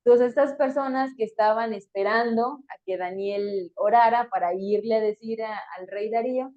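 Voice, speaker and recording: A woman's voice: a little high, normal speed, warm tone. A woman teaching a Bible story in a conversational way, with fillers and small laughs between phrases. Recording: dull lo-fi recording.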